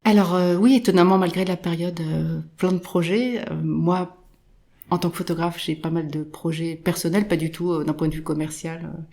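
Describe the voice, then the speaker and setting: A middle-aged woman talks as an interview guest in a low, gravelly voice. She speaks with animated energy, often restarting and repeating words as she gathers her thoughts. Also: normal speed. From born in Morocco, raised in Nairobi and London. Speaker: guest, photographer. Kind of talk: casual interview conversation.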